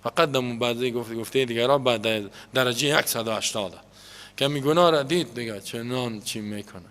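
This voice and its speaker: A man with a Tajik accent giving a religious lesson, explaining quoted Arabic texts in an animated way. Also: medium pitch, big-room sound. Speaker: religious teacher. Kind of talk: hadith lesson.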